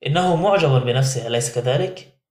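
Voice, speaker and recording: A man's voice: mid-range voice, lively intonation, quick pace, darkish tone, roomy sound, natural voice. A man voicing a cold, drunken young man who answers dismissively in an audiobook.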